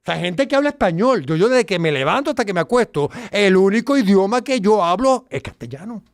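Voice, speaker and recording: A Puerto Rican man hosts his own show and speaks straight to his audience with plenty of emphasis. His voice sits a little high and swings widely in pitch. The sound is dry and close, with no room around it. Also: a little fast, no room sound. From Puerto Rico. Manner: animated, emphatic, addresses viewers directly. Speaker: host. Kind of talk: direct-to-camera commentary.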